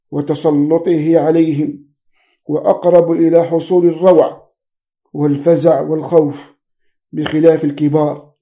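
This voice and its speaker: A man teaching a religious text, reading commentary slowly and spelling out letters and variant readings. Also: a little high, highs cut off.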